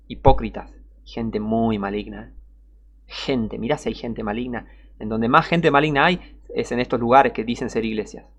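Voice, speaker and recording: A man preaching a fiery sermon, reading scripture and scornfully attacking his opponents, dropping to low mutters and rising to loud warnings.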